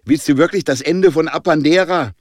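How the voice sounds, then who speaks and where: A man's voice: on the high side, fairly quick, no room sound, clean studio sound, voice pushed up, close to an everyday voice. A man voicing a desperate young woman in an audiobook, urgent and agitated. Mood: fierce, pleading.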